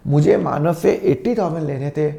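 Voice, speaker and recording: A man teaching accounting, with a slightly sore throat he keeps clearing, acting out both sides of made-up phone calls. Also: on the high side, normal speed, mellow. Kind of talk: classroom lesson with acted dialogues.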